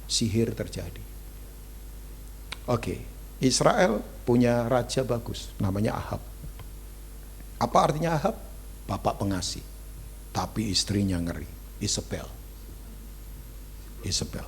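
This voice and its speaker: Brief: man pastor preaching, very lively pitch swings, faint hum underneath. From Indonesia. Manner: animated preaching, acting out quoted voices. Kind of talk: sermon.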